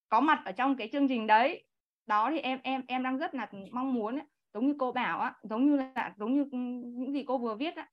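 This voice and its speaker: A woman in her thirties chats through a personal story in an online class, with polite particles and many restarts. Her voice sits high. The video-call audio is dull and lo-fi.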